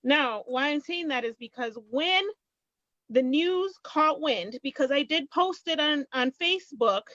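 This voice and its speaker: A middle-aged woman who owns a small business appears as a guest, telling her story in a high, slightly bright voice that is animated yet measured in pace. She speaks conversationally and emphatically, often repeating phrases and acting out quotes. The audio is dry, slightly muffled and free of echo.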